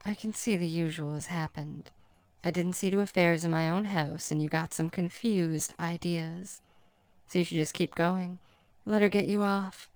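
A woman's voice: on the low side, steady tone, moderate pace, a little mellow, clear, resonant tone, no echo, close to an everyday voice. A woman voicing a dominant, playful female succubus demon in an audio roleplay, speaking in a teasing, languid and commanding way.

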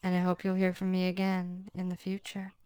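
A woman speaking as a hypnotist in a slow recording, using commanding, repetitive phrasing. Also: lowish voice, monotone, mellow, smooth, dry recording.

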